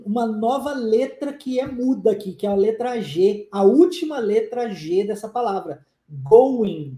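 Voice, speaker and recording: A woman's voice: a little high, warm tone, reverberant. A woman with a Brazilian Portuguese accent teaches English in a live-stream lesson, reading out viewer comments, upbeat and repeating phrases for students to drill.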